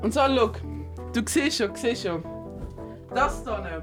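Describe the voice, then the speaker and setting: A young woman co-hosting a casual radio chat, excitable, laughing often and dropping in English slang. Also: on the high side, unhurried, over music. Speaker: radio show co-host.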